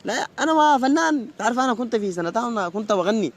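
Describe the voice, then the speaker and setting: A man playing a smooth-talking Sudanese student. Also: very high-pitched, animated, very fast, slight background noise. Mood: charming. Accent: Sudanese Arabic. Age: young adult. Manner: chatty, keeps saying "you know?". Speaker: university student.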